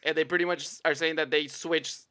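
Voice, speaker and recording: A man's voice: fairly high pitch, fairly even intonation, a little fast, bright, forceful tone. A man co-hosting a podcast in casual chat, telling a story with emphatic outbursts. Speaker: podcast co-host.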